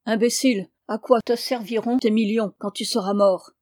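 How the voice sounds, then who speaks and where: A woman voicing a stern peasant father who orders his sons about gruffly. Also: a little high, steady tone, normal speed, darkish tone, dry recording, studio quality, close to an everyday voice.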